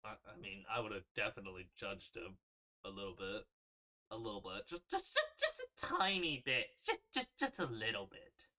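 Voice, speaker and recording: Lively male streamer, bright voice, reads and riffs, laughs a lot. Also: on the low side, normal speed. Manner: animated, laughing, swearing, self-correcting. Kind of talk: casual game commentary, reading text aloud.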